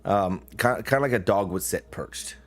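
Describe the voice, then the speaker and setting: A man improvising narration as the game master of a tabletop game, describing scenes in a halting way. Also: lowish voice, faint music behind.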